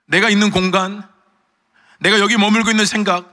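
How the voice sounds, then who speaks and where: A middle-aged man preaching a sermon as pastor, animated, acting out the voices he quotes. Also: high voice, fairly quick. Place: church sanctuary. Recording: long church reverb.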